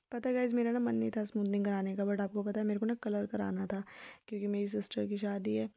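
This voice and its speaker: A young woman narrating a casual vlog voice-over in a soft, hushed, chatty way. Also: medium pitch, level tone, fairly quick, gravelly, no echo, dull audio. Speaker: vlogger.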